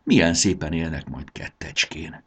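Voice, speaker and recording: A man narrating a children's storybook in an expressive storytelling manner. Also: rumbling low, husky.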